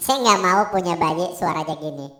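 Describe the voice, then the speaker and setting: A man amusedly testing a very high-pitched baby-voice filter. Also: a bit bright, roomy sound, exaggerated voice. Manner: amused, laughing at the effect.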